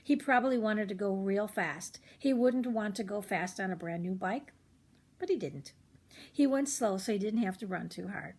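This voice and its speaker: An older woman hosts a children's read-aloud, reading a chapter book expressively and slipping in chatty asides to young listeners. Her voice is mid-range, darkish and slightly rough, at a moderate pace.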